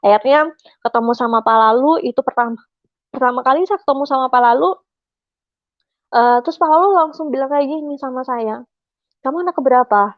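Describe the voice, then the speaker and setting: A woman's voice: sits high, fairly quick, long pauses, no room sound. A young woman giving a personal testimony as an interview guest, shy and recounting at length with frequent hesitations. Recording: dry, slightly dull sound.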